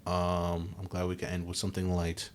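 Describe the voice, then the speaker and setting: A man's voice: low-pitched, monotone, moderate pace, slight background noise. A young man co-hosting a casual podcast, rambling with lots of fillers and restarts. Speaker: podcast co-host. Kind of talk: casual chat.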